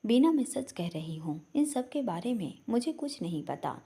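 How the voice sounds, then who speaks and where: A woman's voice: fairly high pitch, very animated, moderate pace, dark tone. A woman voicing a tearful young bride who pleads that she is innocent. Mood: pleading. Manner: pleading, sobbing.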